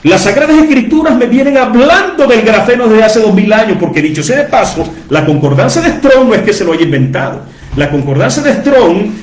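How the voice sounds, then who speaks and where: A man's voice: high-pitched, lively intonation, a little fast, roomy sound. A man teaching from the Bible to his listeners, repeating key words and asking rhetorical questions for emphasis. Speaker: preacher.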